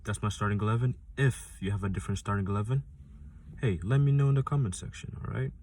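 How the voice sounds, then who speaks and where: A fast-talking man with a fairly low, slightly mellow voice rambles through a fan prediction vlog about football. He restarts often, leans on fillers and insists on his points again and again. There's slight background noise.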